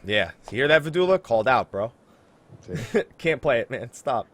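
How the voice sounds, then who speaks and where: An American podcast host from New Jersey, with a mid-range, fairly bright voice, makes announcements on his casual gaming show at a moderate pace. He's very animated and jokey, breaking off to laugh and ad-lib in an informal way.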